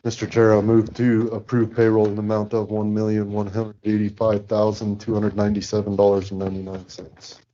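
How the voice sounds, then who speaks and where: Commissioner guy making a motion, dead flat dark voice, muffled audio. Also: lowish voice, a little fast, hardly any pauses. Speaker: county commissioner. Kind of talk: making motions at a public meeting. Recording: dull meeting room audio.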